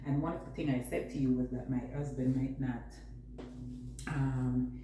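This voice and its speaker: A woman's voice: extremely low pitch, level tone, normal speed. A woman chatting casually to viewers as she vlogs a home decor haul, rambling and talking to herself while busy. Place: echoey room at home, indoors. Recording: very echoey room, distant mic, noisy.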